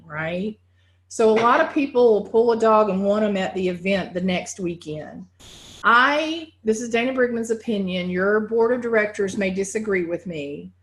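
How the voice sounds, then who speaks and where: A woman dog behavior trainer with a Southern US accent giving a conversational training talk to foster volunteers, often checking in with "right?". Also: mid-range voice. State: getting winded.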